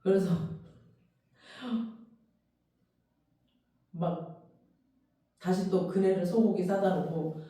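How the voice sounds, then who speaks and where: A pastor preaching a sermon in a church, telling the story with strong emotion and bursting into loud, heated outbursts. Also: medium pitch, extremely slow, long pauses. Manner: emotional, animated storytelling with shouted imagined outbursts. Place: church sanctuary. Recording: very echoey hall, distant mic.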